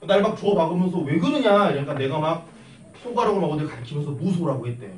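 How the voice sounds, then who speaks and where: A young man lectures on math to a class, swinging from explanation to rambling anecdote with an animated, questioning manner. His slightly high voice rises and falls widely. He is heard from a distance in a roomy, echoing classroom with a faint hiss underneath. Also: rapid-fire. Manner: chatty, animated, teasing questions to students. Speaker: math teacher.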